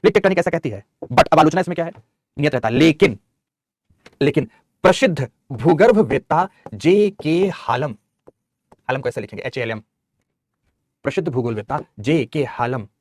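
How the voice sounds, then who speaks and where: A man's voice: medium pitch, quick pace, a little hiss or hum. A man teaching geography in an online class, dictating notes and coaxing and scolding his students. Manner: scolding and coaxing students, calls them beta.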